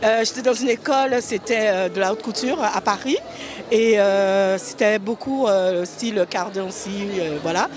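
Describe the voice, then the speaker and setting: A woman's voice: medium pitch, moderate pace, music in the background. A woman fashion designer and children's author, answering at length with many hesitations and fillers. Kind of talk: interview at a fashion show.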